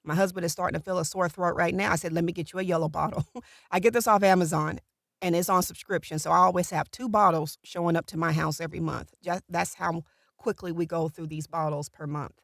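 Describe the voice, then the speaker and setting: A middle-aged woman talks casually to camera, explaining a routine. Her voice sits a little low and crackles with natural vocal fry. The sound is close and dry, as in a small recording booth. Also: steady tone, a little fast, a bit bright, no room sound. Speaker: voiceover artist.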